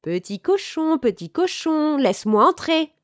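A woman voicing a hungry, menacing big bad wolf in a storybook reading, calling out in a loud, drawn-out way. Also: high-pitched, big pitch swings, dry recording, studio quality, pitched above the performer's own voice. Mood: coaxing.

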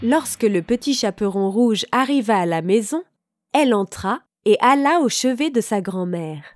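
A woman reading a fairy tale aloud in a calm, clear, evenly paced storybook style. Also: fairly high pitch, moderate pace, no room sound, soft background music.

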